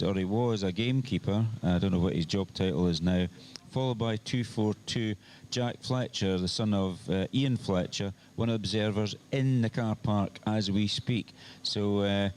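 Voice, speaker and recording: A Scottish man with a lowish voice talks through rider details on local radio, unhurried and wandering, often pausing on "um" as he gathers his thoughts. A faint background hiss sits under his voice. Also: darkish tone. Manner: rambling, hesitant with many ums. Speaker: trials commentator on local radio. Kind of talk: relaxed radio chat.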